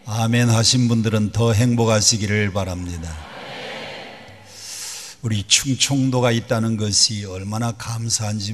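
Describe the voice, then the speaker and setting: Pastor preaching in a reverberant church. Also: male voice, lowish voice. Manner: leads the congregation in call-and-response; folksy, joking asides. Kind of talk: sermon. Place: large church sanctuary. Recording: long reverb of a large church hall.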